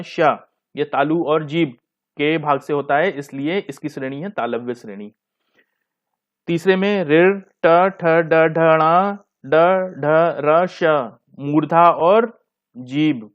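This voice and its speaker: A slightly high-voiced man teaching a grammar lesson, walking through each point step by step. He asks his pupils questions and then answers them himself, repeating and rephrasing each term. The recording sounds dull and lo-fi.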